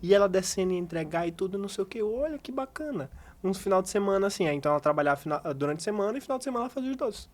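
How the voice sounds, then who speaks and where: A man's voice: high voice, very fast, hardly any pauses. Chatty man hosting a podcast. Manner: chatty, laughs along, uneven pace. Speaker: podcast host. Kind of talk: casual chat.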